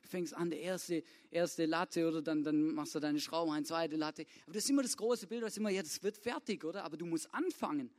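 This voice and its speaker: A man's voice: fairly high pitch, a little fast, hardly any pauses, darkish tone. A young man preaching a casual youth sermon, full of slang and often asking the listeners to agree. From Swabia, Germany. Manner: casual, informal, keeps asking "oder?".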